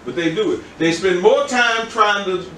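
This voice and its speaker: A man's voice: sits high, moderate pace, sharp tone, recorded from a distance, a little hiss or hum. Older man preaching casually. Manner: rambling, conversational preaching with repeated words and laughs. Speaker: pastor. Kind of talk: sermon. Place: church. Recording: echoey room, from the mic.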